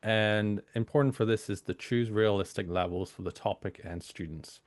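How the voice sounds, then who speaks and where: Low, gravelly British man teaching. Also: moderate pace, no room sound, studio quality. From United Kingdom. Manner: informal, hedging with fillers. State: slightly hoarse from a cold. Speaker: university lecturer leading a training session. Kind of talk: online training talk.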